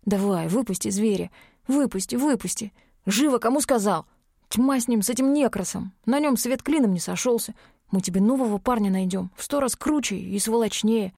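A woman reading an audiobook, voicing a brash, foul-mouthed young male werewolf twin in a rough, quick voice. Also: mid-range voice, mellow, no room sound, studio quality, natural voice. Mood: coaxing, urgent.

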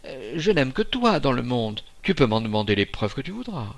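A man's voice: medium pitch, big pitch swings, moderate pace, dry recording. A man voicing a coy, evasive young society woman in an audiobook, pleading and emotional. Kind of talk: audiobook character voice.

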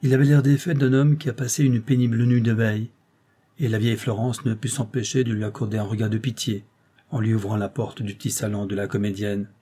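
A man reading a classic novel aloud in a measured literary style. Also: lowish voice, level tone, mellow, husky. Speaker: audiobook reader. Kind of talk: scripted narration.

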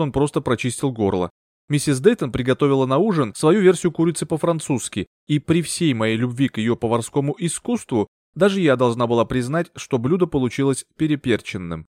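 A man narrating a first-person mystery audiobook in a measured, wry storytelling manner. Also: mid-range voice, a little mellow, dry recording, clean studio sound. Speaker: audiobook reader.

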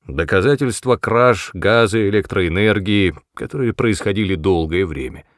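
A man reading a calm, assured company investigator. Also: fairly low pitch, moderate pace, no echo, studio quality, natural voice.

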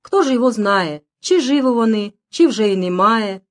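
A woman reading an audiobook, voicing an excited Ukrainian village neighbor woman with a sing-song Ukrainian accent. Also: on the high side, normal speed, lightly acted. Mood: pleading. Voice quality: sing-song, mixing Ukrainian words into Russian.

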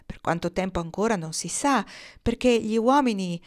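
Woman reading a storybook aloud. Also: medium pitch. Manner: measured, expressive narration. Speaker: audiobook reader.

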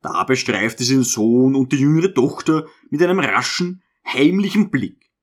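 Brief: male narrator, lively intonation, measured literary reading. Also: mid-range voice.

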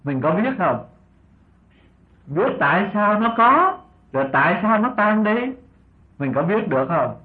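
An older monk preaches a slow, gentle sermon, his pitch rising and falling freely. He keeps asking rhetorical questions and chuckles softly between points. It is heard through a thin, tinny old recording. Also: very animated. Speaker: Buddhist monk teacher. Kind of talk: dharma talk sermon.

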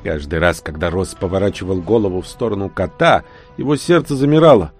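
A man's voice: low-pitched, brisk, soft background music. A man reading an audiobook in scripted narration, doing all the characters himself.

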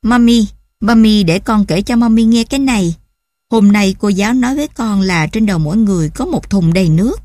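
A woman's voice: medium pitch, brisk, mellow, no room sound, studio quality, natural voice. A woman voicing a playful, stubborn seven-year-old child who chatters eagerly and pleads.

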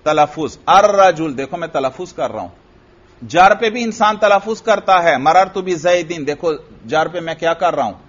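Man, high voice, grammar lecture, asks and answers his own questions, dull lo-fi recording. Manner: asks students questions and answers them himself; reads Arabic text then explains it. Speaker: Islamic scholar teaching Arabic grammar. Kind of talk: classroom lecture.

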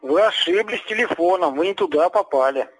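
A man's voice: sits high, animated, fairly quick, breathy edge. A man taking an unexpected landline phone call, impatient and pressing for the point. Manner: impatient, keeps demanding the point. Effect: heard over a landline phone call.

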